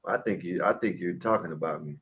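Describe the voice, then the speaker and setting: A man's voice: low voice, quick pace, a bit bright, low-quality recording. A man on a live panel stream, talking bluntly and with a lot of swearing, ranting as he goes. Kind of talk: casual livestream panel chat. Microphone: home mic on a video call.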